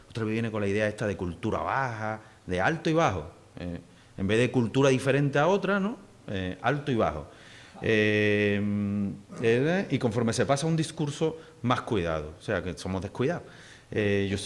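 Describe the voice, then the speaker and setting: A middle-aged man from Huelva, Spain, with an Andalusian Spanish accent and a mid-range voice, delivers a public linguistics lecture. His style is casual and digressive, full of fillers and restarts.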